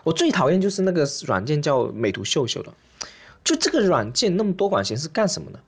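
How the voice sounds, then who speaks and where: A man's voice: on the high side, fast, slightly rough. Guy doing a stand-up rant, voice jumps all over, hams it up, acts out bits. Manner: animated, exaggerated, rants and acts out scenes. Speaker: stand-up comedian and host. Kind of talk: open-mic stand-up monologue.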